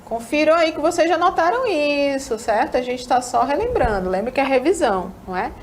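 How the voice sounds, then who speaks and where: High-pitched and animated, a woman talks a little fast over a faint hiss or hum. She is an English teacher from Amazonas, northern Brazil, whose recorded classroom lesson is full of tag questions aimed at students.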